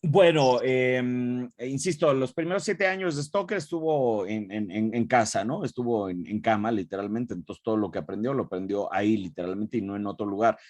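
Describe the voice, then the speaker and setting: A man's voice: medium pitch, moderate pace, few pauses, a little mellow, dry recording. Guy lecturing online, mid voice, lots of tag questions, dry close mic. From Mexico. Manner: frequent tag questions and restarts. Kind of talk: online talk with Q&A.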